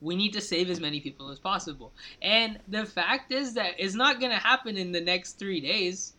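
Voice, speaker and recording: A man co-hosting a casual politics podcast, debating with real passion. His voice sits high and sounds bright and forceful. He rambles, circling back with "like" and "I mean". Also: moderate pace. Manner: impassioned, rambling, many "like" and "I mean" fillers. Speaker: podcast co-host.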